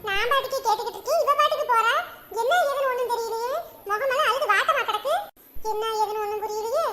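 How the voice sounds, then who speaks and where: A woman's voice: very high voice, quick pace, sharp tone. A woman playing an anxious mother who coaxes her crying daughter to tell her what happened, in a comedy skit. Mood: worried. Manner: coaxing, repeats "emmadi". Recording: echoey room with long reverb.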